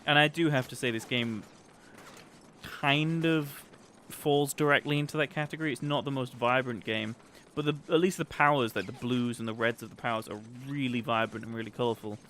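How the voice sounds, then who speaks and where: A man's voice: mid-range voice, fairly even intonation, fairly quick, a bit bright. A man giving casual, chatty, explanatory commentary as he streams a video game. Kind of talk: casual livestream gameplay commentary. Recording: game ambience noise behind voice. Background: video game ambience.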